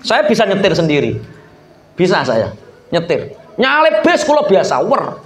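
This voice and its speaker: A man's voice: high voice, unhurried, roomy sound, slight background noise. A male preacher with a Javanese accent, telling humorous stories in a sermon. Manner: lively, humorous storyteller. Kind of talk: sermon with storytelling.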